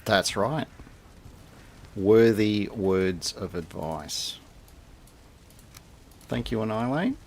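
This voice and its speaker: A man's voice: fairly low pitch, animated, drawn-out words, pauses often, a little mellow, a little hiss or hum. An Australian man giving casual, rambling commentary as he plays a game, thinking aloud and chatting to the animals on screen. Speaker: game streamer.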